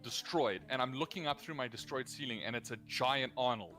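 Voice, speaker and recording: A man chatting casually on a stream, telling a story in an animated way and swearing freely. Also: mid-range voice, brisk, faint music behind. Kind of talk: casual group chat on stream.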